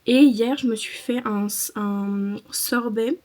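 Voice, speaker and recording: Higher-voiced woman, sore swollen mouth after wisdom teeth. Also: slow, a little mellow. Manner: slangy, informal, complaining lightly. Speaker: vlogger. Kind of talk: casual chat to camera.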